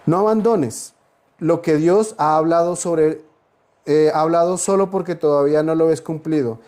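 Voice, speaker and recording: A man delivers a sermon in a fairly high voice. He hammers home repeated phrases, lifting to emphatic peaks as he preaches. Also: normal speed, darkish tone. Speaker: pastor.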